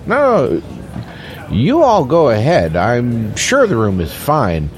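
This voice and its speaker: An actor playing a playful older father who is a retired chef, joking and speaking slowly. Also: mid-range voice, huge pitch swings. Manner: joking, slow drawn-out delivery.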